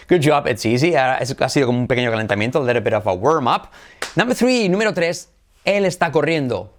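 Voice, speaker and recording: A man from Spain teaching English in a video lesson, energetic and drilling phrases over and over. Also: medium pitch, a little hiss or hum. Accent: Spain Spanish.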